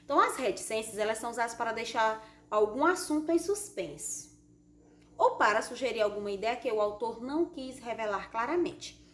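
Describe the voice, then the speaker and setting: Expressive Brazilian teacher in an echoey room. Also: female voice, fairly high pitch, a little fast. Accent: Brazilian Portuguese. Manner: explains patiently, reads examples with strong expressive intonation. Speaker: primary school teacher. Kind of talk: recorded remote class lesson. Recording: echoey room with faint background noise.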